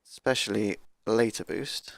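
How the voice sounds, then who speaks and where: Man, low and gravelly with a croaky cold, casual gaming commentary, dry cheap mic. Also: a little slow, no echo. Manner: thinking aloud, laid-back, with fillers. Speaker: gaming YouTuber. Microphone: cheap microphone.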